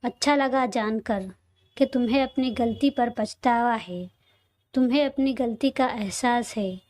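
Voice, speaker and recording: A woman's voice: fairly high pitch, unhurried, darkish tone, no echo, lightly acted. A woman voicing an earnest, reserved young man looking for work, in a read-aloud audio story.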